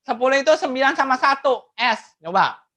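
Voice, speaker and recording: A woman teaching math in an online webinar, laughing often and asking her audience lively questions. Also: high-pitched, measured pace. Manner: laughs often between phrases; acts out quoted remarks in changed voices.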